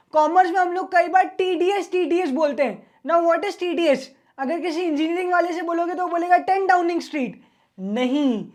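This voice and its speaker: A man teaching an online exam-prep lecture in a casual, chatty way, mixing Hindi and English. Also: very high voice.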